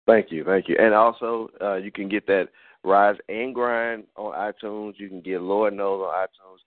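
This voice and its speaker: A man's voice: fairly low pitch, fairly even intonation, moderate pace, no room sound. A man as a featured music artist, casually plugging in a show interview. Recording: dry narrow phone line.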